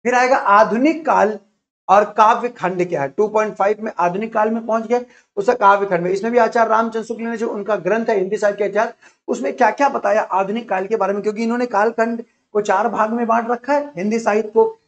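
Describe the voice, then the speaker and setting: A man's voice: sits high, fairly even intonation, fast, muffled recording. A man teaching an exam-prep lecture, listing topics one after another and repeating key points as he explains. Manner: repetitive, explanatory, enumerating topics.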